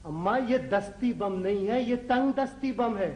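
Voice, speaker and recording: A man's voice: high-pitched, measured pace, lo-fi sound. An actor playing a pretentious young male poet who speaks in an ornate, declaiming manner, in a classic television comedy drama. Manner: flowery, declaiming. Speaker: poet son. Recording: echoey room.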